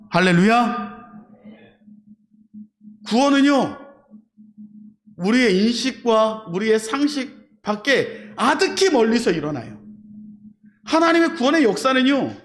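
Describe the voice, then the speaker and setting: A pastor delivers a Sunday sermon in a church sanctuary with a notably high-pitched male voice. He keeps asking his listeners questions and answering them himself, and he slips into the voices of the people he quotes. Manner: preaching with call-and-response questions and dramatized quotes.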